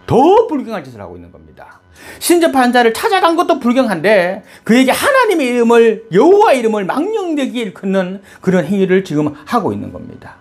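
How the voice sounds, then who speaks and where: A man preaching a sermon in an animated way, jumping from loud high bursts to low murmurs and quizzing the congregation. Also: brisk, soft background music. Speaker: pastor.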